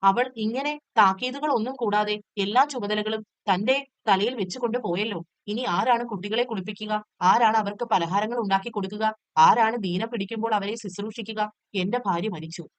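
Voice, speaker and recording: A woman tutor reading a textbook short story aloud in a steady, measured storytelling way. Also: mid-range voice, no echo.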